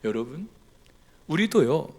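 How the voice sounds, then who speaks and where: Animated male pastor in an echoing church. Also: fairly high pitch, unhurried. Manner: animated, swinging from loud emphasis to near whisper. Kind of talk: Sunday sermon. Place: church sanctuary. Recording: reverberant church hall.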